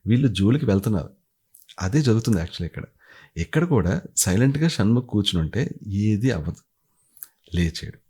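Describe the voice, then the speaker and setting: Husky man recapping with animated retellings. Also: on the low side, a little fast, pauses often. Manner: animated retelling, acting out quotes. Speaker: show reviewer. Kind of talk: casual commentary.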